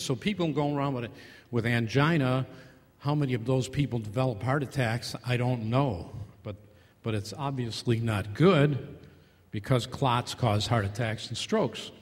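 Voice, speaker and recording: An older male doctor talks from a podium microphone in a large convention hall, and the long reverb trails after his words. He speaks in a loose, conversational way, keeps restarting his sentences, and acts out short exchanges with his patients. His voice sits at an ordinary middle pitch for a man. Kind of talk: conference talk with slides.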